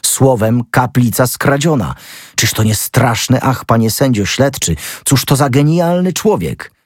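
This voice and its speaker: A man's voice: medium pitch, measured pace, husky, dry recording, studio quality, pitched above the performer's own voice. A man voicing an exalted young male sleuth. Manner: excited, declaiming.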